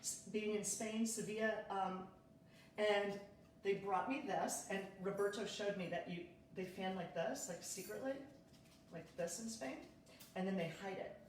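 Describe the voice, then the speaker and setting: A woman's voice: medium pitch, normal speed, darkish tone, recorded from a distance, slight background noise. A woman in her thirties, a realtor chatting casually on a livestream from her kitchen and greeting viewers by name. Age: 30s. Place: home kitchen. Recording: echoey room, from off-mic.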